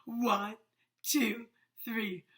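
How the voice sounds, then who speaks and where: Female children's reader, sing-song and slow, bright voice. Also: fairly high pitch, little pitch movement. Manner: warm, sing-song, drawn-out emphasis. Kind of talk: reading a picture book aloud to children.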